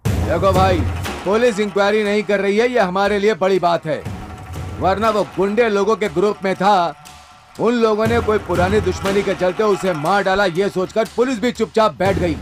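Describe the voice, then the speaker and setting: A man voicing a cautious male gang member in a Hindi film dub, talking things through calmly. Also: high-pitched, moderate pace, lightly acted. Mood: worried. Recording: film dub with music behind.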